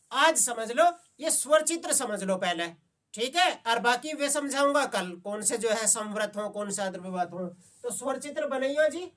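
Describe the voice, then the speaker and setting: A man's voice: extremely high pitch, fairly bright tone, far from the mic. Man teaching, quizzing his students. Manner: asks students questions and answers them himself; coaxing, repeats "समझ गए बच्चे?". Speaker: Hindi teacher. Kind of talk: exam-prep classroom lecture.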